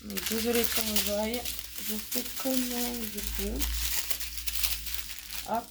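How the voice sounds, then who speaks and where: A French woman showing her craft purchases in a casual haul video, talking slowly with many hesitations, a little hoarse because she is sick. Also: a little high, fairly even intonation, very noisy. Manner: slow, hesitant, many fillers. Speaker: crafts vlogger.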